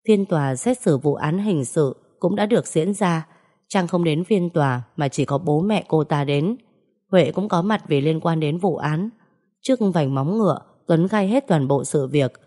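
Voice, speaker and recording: A woman narrating a scripted audio story in a steady, measured way. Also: deep voice.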